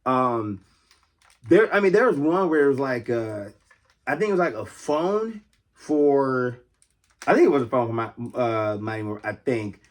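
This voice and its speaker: Speaking at normal speed with a medium, animated pitch, the American video host talks about toys in a relaxed, unscripted vlog. He wanders conversationally and tends to say things twice.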